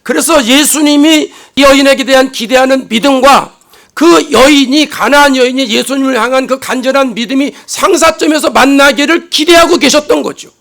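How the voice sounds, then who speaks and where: High-voiced gravelly man preaching. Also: moderate pace. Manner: swings between loud emphatic rises and quiet low asides; acts out quoted lines dramatically. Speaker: pastor. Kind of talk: sermon. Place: church sanctuary.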